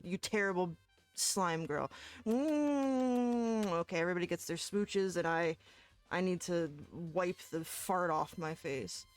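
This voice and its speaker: A woman's voice: fairly low pitch, no echo. A woman streamer chatting casually and giggling while she plays through a game. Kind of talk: casual chat while gaming.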